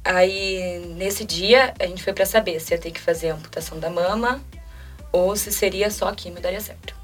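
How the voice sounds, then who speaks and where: A young woman in her twenties with a Brazilian Portuguese accent, a guest telling a personal story quickly and emotionally and acting out quoted dialogue. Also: on the low side. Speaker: interview guest. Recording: mic at a distance, faint music.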